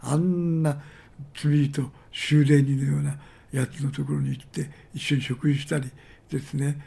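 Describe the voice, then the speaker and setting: This male preacher tells stories from the pulpit in a deeply raspy, husky voice, somewhat high-pitched for a man yet dark and mellow in tone. His delivery is flat and unhurried, full of fillers and repeated words for emphasis.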